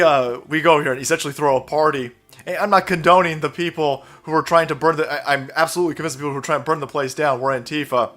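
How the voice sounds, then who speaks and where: Profane sarcastic man ranting, high voice. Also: fairly bright tone. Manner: profane, sarcastic, frequent laughs. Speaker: political commentator. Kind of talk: casual rant over images.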